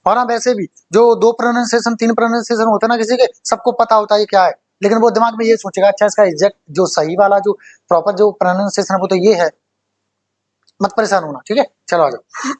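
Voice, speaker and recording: A man's voice: high voice, fairly even intonation, quick pace. A young male teacher gives a spoken vocabulary lesson, coaxing students and quizzing them over and over. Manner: coaxing, repeats "theek hai bhai" and quizzes students.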